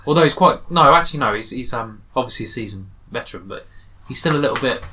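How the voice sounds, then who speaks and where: A man in casual film chat, joking and trailing off quietly at the ends of phrases. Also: medium pitch, expressive, quick pace.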